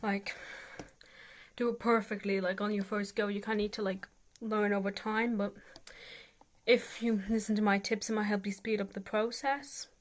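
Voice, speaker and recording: A woman's voice: medium pitch, flat delivery, normal speed. A woman giving a casual, rambling tutorial as an amateur vocalist, hesitant and self-deprecating, saying "like" very often.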